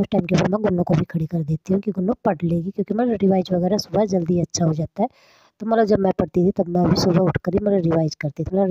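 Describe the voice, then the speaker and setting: A woman's voice: on the low side, dark tone, husky, no echo, muffled recording. A woman in her thirties narrating her daily housework in a casual, rambling way, filling her talk with constant fillers. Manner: chatty, says "matlab" constantly. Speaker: vlogger and housewife.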